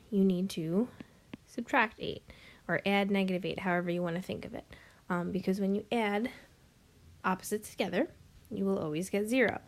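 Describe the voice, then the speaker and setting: A woman's voice: mid-range voice, darkish tone. A woman teaching a math lesson, walking through each step patiently with frequent ums, a bit out of breath. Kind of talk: recorded classroom lesson.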